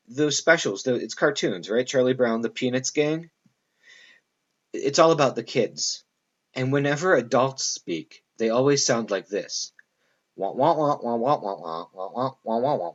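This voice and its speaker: A man's voice: medium pitch, dull audio. A man giving a classroom lecture in a loose, conversational way, full of fillers and asides to his students.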